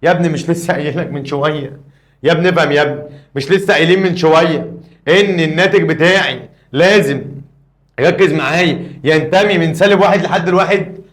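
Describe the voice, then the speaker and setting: A man's voice: fairly high pitch, fast, a bit bright. A male teacher with an Egyptian Arabic accent, explaining a lesson step by step with playful mock scolding. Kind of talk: comic classroom lesson. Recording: echoey room.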